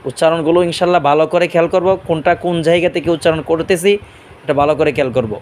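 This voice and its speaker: A man teaching Arabic pronunciation, drawing out each letter sound slowly and explaining where the tongue and teeth go. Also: a little high, steady tone, darkish tone, slight background noise. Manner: slow, drawn-out drill of letter sounds; explains mouth positions step by step. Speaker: Quran recitation teacher.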